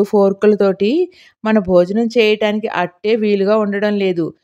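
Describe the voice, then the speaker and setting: A woman's voice: mid-range voice, highs cut off. A woman narrating a humorous novel as an audiobook, telling it expressively. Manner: expressive, storytelling. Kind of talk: scripted storybook narration.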